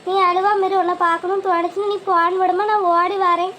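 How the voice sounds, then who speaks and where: A woman voicing a caring young mother in an animated family drama, gently reassuring her mother. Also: extremely high pitch, quick pace. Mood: soothing. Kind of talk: cartoon voice acting. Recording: faint ambient noise.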